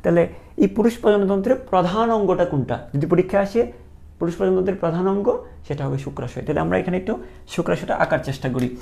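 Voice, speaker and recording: Gravelly male teacher drilling key terms. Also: sits high, rapid-fire, a little mellow. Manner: repeats key terms as questions, drilling students. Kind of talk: online lecture.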